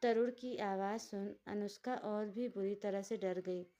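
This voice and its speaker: A woman storyteller giving scripted narration of a romantic drama in a steady, dramatic way. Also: medium pitch, a little slow, muffled recording.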